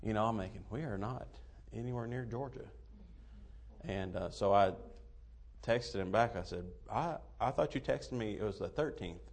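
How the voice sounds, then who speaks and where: A man with an Appalachian hillbilly accent preaching to a congregation in a folksy, halting, self-deprecating way. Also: fairly low pitch. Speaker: visiting missionary preacher. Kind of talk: sermon, folksy address to a congregation.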